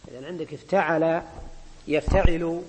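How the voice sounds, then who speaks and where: A man teaching Arabic grammar in a measured way, explaining a text line by line and often checking in with his students. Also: on the high side, steady tone, darkish tone, husky. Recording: long hall reverb.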